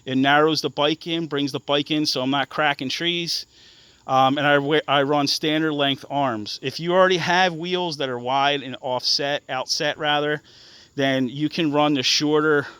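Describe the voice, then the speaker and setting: Guy talking thru his atv mods, lots of ums, swears casually, clean smooth voice, dry sound. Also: on the high side, fairly bright tone, dry recording. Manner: halting, many ums and restarts, blunt and profane. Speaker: ATV owner explaining his bike mods. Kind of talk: casual walkaround explanation.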